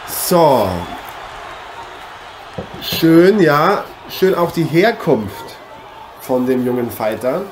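A man with a fairly high, lively voice speaks extremely slowly and pauses often, a faint crowd behind him. He plays a chatty, joking boxing interviewer and commentator in an improvised mock sports radio play, rambling, hesitant, and genial. The amateur recording is clearly noisy.

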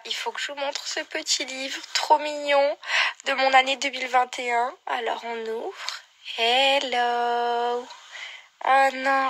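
A woman's voice: sits high, bright, forceful tone. A young woman vlogging casually to camera, gushing and chatty.

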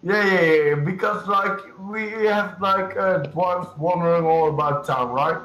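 A man's voice: high-pitched, measured pace, fairly bright tone, echoey room, highs cut off. A man playing a dwarf in a tabletop game, rambling and crude in a casual way. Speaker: player. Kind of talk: casual tabletop role-play.

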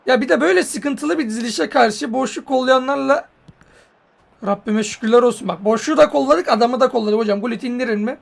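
A man giving casual, joking commentary on a football game he is playing, yelling at his players. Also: very high voice, fairly quick, creaky. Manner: excitable, joking, swears and yells at players. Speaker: mobile football gamer.

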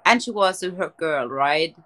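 She's a young German woman hosting a late-night livestream from bed, relaxed and lying down as she chats casually with viewers through a phone held close. Her voice sits low, carries a German accent, and moves at normal speed.

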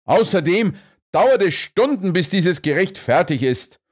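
A man reading an audiobook, voicing a blustering, indignant restaurant owner who protests loudly and huffily. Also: high-pitched, animated, a little slow, husky, voice pushed up, heavily acted. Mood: protesting. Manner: huffy, loud, protesting.

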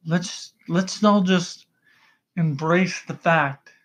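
A man co-hosting a casual podcast, a rambling storyteller who keeps yelling excitedly into the mic and checking in with "okay?". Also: sits high, extremely slow. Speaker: podcast co-host.

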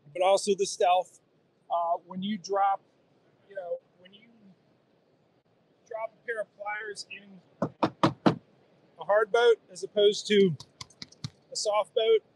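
A man in his forties explaining kayak gear with enthusiasm, interviewed on a phone in a busy convention hall. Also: sits high. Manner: enthusiastic, explanatory, gestures while talking. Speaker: guest kayak angler. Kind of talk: casual trade-show interview. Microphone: handheld phone held by interviewer.

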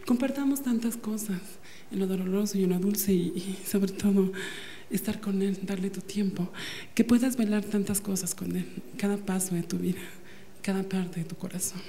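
A Mexican man in his twenties, from Mexico City, giving a comic audition, soft and giggly, holding a handheld mic in an indoor casting room. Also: high-pitched, fairly even intonation, moderate pace, slight background noise. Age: 20s. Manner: soft, sweet and giggly, gushing about tenderness. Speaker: audition candidate.

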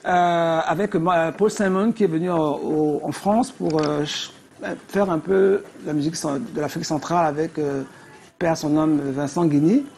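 A middle-aged woman from Cameroon with a Cameroonian accent and a deep, low voice, a singer telling lively stories as a guest on a TV talk show. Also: moderate pace, a little hiss or hum. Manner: lively anecdotal storytelling.

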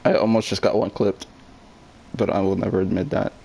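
Gravelly man exclaiming mid-game. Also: fairly low pitch, fairly quick, slight background noise. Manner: excitable, laughs often, exclaims at the game. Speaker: gamer. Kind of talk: casual gaming chat.

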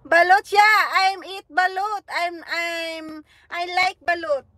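High-pitched giggly woman streamer. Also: fairly even intonation, takes it slowly, sharp tone, dry recording. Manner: giggly, teasing, reads viewer comments aloud. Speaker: livestream host. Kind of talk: casual livestream chat.

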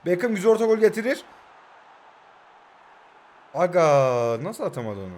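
Chatty young man, high voice. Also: very animated, moderate pace, darkish tone. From Turkey. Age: 20s. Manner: chatty, keeps saying hocam, flares up at the referee. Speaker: mobile football gamer and streamer. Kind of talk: casual gameplay commentary.

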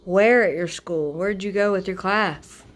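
A woman's voice: medium pitch, a little slow. A woman chatting casually as a parent with children, recorded on a noisy home video. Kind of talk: casual family chat. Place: room in a house.

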